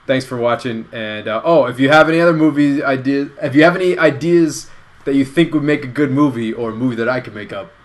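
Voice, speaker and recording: A man hosting a casual online show, pitching a movie idea in a rambling, self-correcting way. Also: fast talker. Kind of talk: casual comedic chat.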